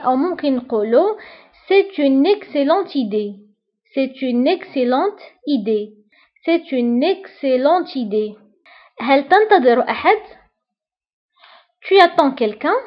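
A woman giving a language lesson, explaining briefly and then repeating each phrase with careful, deliberate enunciation. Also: sits high. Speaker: French teacher. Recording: dull lo-fi recording.

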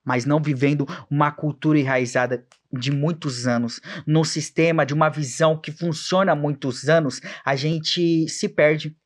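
A man's voice: on the high side, fairly even intonation, normal speed, few pauses. A young man, a podcast guest chatting casually and acting out quoted dialogue as he tells stories. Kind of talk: casual chat.

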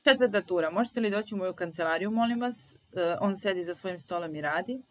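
A woman teaching a German lesson, saying sentences aloud and repeating each one slowly and carefully. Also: fairly low pitch, no echo, low-quality recording. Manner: slow, deliberate repetition of phrases.

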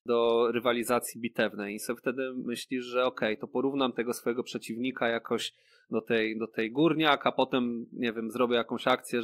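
A rapper appearing as a podcast guest explains things at length in a casual interview chat, full of fillers and tag questions. His voice is mid-range and a bit bright.

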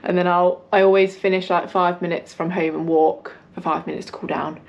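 A woman's voice: fairly low pitch, flat delivery, brisk, vocal fry, darkish tone, muffled recording. A young British woman chatting casually to her vlog in a colloquial, self-deprecating way. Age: young adult. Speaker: running vlogger. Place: indoors in a house hallway. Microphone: camera at arm's length or propped nearby.

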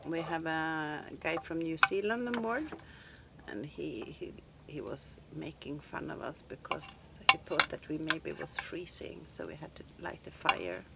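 Woman, Swedish native, middle-aged, gravelly, unhurried, loud cutlery noise. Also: sits low, expressive. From Sweden. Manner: questioning, laughs often. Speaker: sailing vlogger. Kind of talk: casual chat. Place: outdoors on a sailboat cockpit. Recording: loud clatter of cutlery and dishes.

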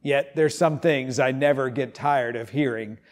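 A man in his fifties, a pastor, preaching and reading scripture in an animated storytelling way, in an empty church. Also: medium pitch, measured pace. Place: empty church sanctuary, indoors.

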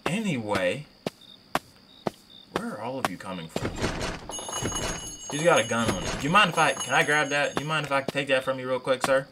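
Animated, exasperated man playing horror games. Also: mid-range voice, normal speed, pauses often, very noisy. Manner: scared, exasperated horror streamer grumbling and swearing. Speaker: game streamer doing a playthrough. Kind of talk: casual reactive horror game commentary.

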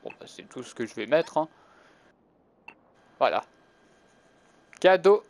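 A man's voice: a little high, very animated, takes it slowly, creaky. A young man musing through gameplay commentary as a gaming YouTuber, hesitant and chuckling to himself. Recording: music playing behind.

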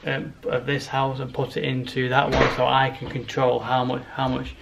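A man's voice: mid-range voice, monotone, normal speed. A man in his thirties vlogging in a casual, rambling, matter-of-fact way as he walks through a house, recorded on a handheld camera. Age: 30s. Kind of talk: casual walkthrough chat to camera. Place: rooms of a house, indoors. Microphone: camera held at arm's length. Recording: handheld camera with clear background noise.

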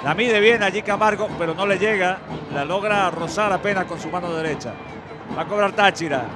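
High-pitched analyst breaking down kicks. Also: male voice, brisk. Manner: calm, detailed breakdown of each kick. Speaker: color commentator. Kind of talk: football analysis commentary. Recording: broadcast with crowd and music behind.

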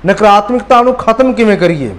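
High-voiced man giving earnest motivation. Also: a little fast. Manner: earnest, exhorting, repeats phrases for emphasis; addresses listeners directly as friends. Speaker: motivational speaker. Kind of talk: motivational talk.

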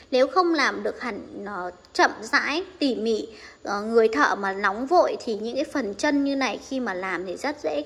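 A young woman showing off a wood carving in an eager, persuasive sales pitch, filmed on a handheld phone. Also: big-room sound. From northern Vietnam. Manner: eager, persuasive, addresses viewers directly. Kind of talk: product showcase sales pitch. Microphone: handheld phone camera.

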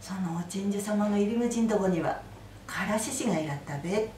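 A woman with an Aizu Fukushima dialect voicing a gruff male mountain goblin spirit in a told folk tale, speaking roughly but kindly in a roomy hall heard from a distance. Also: medium pitch, brisk, a little mellow, a little hiss or hum, close to an everyday voice. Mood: gruff, reassuring.

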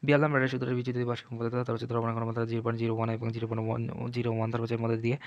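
A man teaching chemistry in a fast exam revision lecture, rattling through points one after another with the same connective phrase between items. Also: medium pitch, completely flat delivery, no room sound, highs cut off. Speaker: chemistry tutor.

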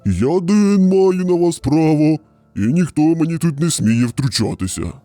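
A huge, bullying bear roars in a slow, drawn-out growl, as a male narrator puts him on. The voice swings wildly up and down with a dark, mellow tone. Dry close recording with soft music underneath. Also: a little high, lively intonation, no room sound, natural voice. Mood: bossy. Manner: roaring, drawn-out growling delivery. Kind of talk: storybook character voice.

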